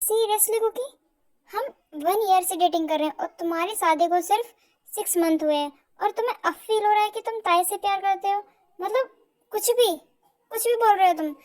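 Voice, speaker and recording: A woman's voice: very high voice, normal speed, a little mellow. A woman voicing a spurned, scheming young girlfriend who speaks sharply and scornfully, in an amateur fan audio drama.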